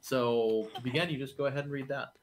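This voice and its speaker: A man explains a board game's rules in a casual, hesitant way, pausing with frequent fillers. His voice sits at a middle pitch, and faint background noise runs under the recording. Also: fairly even intonation.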